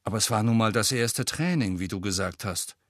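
A man reading aloud voices a quiet teenage boy who mumbles in a subdued way. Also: lowish voice, fairly quick, no room sound, clean studio sound, close to an everyday voice. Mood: mumbling.

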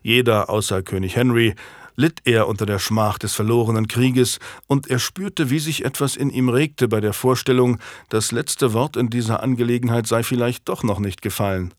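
A man's voice: medium pitch, fairly even intonation, normal speed, no echo, studio quality. Man narrating a historical audiobook.

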